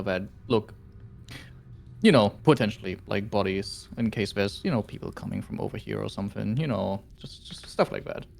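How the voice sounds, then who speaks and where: A man's voice: on the low side, creaky, a little mellow. A man playing a tabletop game, chatting casually in a hesitant, rambling way. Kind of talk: casual chat.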